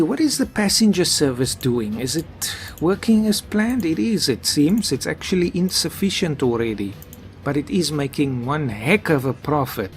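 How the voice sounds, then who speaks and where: A man commentating his own gameplay, musing and thinking aloud as he plays. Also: mid-range voice. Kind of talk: let's play commentary. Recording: faint game music behind.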